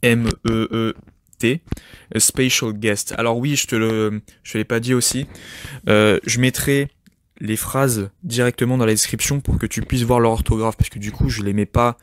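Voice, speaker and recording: A man's voice: mid-range voice, steady tone, normal speed, no room sound. A man giving an informal spoken lesson, talking directly to the listener with many hesitations and repeated words. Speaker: English teacher, podcast host. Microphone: podcast microphone.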